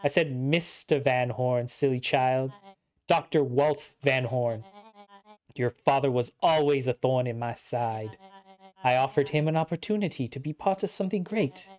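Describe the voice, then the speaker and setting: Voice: medium pitch, measured pace, darkish tone, lightly acted. An actor voicing a smug, scheming video game villain who monologues in a theatrical, condescending way. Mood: gloating. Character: smug scheming villain, animal founder in youthful body. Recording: music under the voice.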